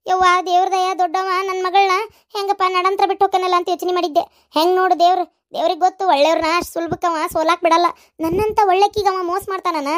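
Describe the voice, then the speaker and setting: A voice actor doing a shrill scheming mother-in-law. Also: little pitch movement, quick pace. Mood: scolding. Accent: North Karnataka Kannada. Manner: scolding, sharp-tongued, boastful. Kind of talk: comic cartoon voice acting.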